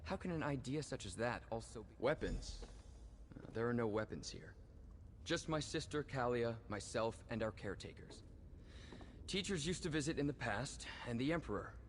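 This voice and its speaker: A man's voice: medium pitch, animated, normal speed, slight background noise, close to an everyday voice. A man playing a protective, indignant young brother in a fantasy video game, formal and earnest. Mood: suspicious, indignant. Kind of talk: video game character acting.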